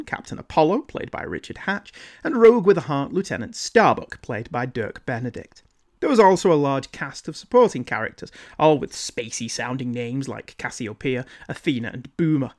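Animated male podcast host, scripted narration. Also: medium pitch.

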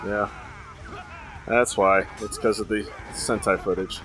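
A man's voice: fairly low pitch, fairly even intonation, measured pace, over music, rough recording. A man hosting casual commentary on an episode, with musing, dry asides. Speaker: podcast host.

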